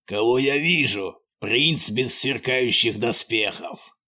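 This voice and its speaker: A lazy, overheated storybook villain, put on by a man reading the tale. He drawls his lines slowly and sardonically, with no real menace. The voice sits at an ordinary middle pitch. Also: pushed and bright, exaggerated voice. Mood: sardonic. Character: lazy, sweltering, unthreatening fairy-tale villain.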